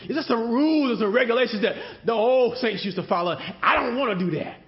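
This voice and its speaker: A pastor preaching a sermon, speaking, building emphasis in repeated rhythmic phrases. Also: male voice, extremely high pitch, animated, fast, muffled recording. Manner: preaching with rising emphasis and call-and-response rhythm.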